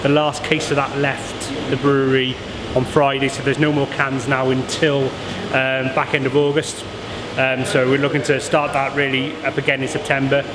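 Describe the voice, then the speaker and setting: A man's voice: medium pitch, completely flat delivery, moderate pace, crowd noise. A man informally answering interview questions as a brewer showing visitors around. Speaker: brewer giving a tour of the brewery. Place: inside an echoey working brewery. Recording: echoey, noisy brewery with machinery hum.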